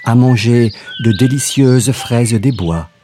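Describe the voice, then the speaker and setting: A man reading a fairy tale aloud as a storyteller. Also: mid-range voice. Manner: slow, lively storybook narration. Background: soft music.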